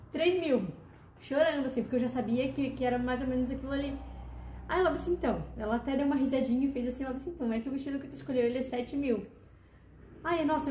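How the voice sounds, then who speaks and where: A high-pitched woman talks quickly and eagerly. She acts out every line of dialogue with feeling. Her voice is mellow in tone and sits in an echoey room with a little background hiss. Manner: animated, emotional retelling with quoted dialogue. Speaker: guest telling her testimony. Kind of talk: casual storytelling.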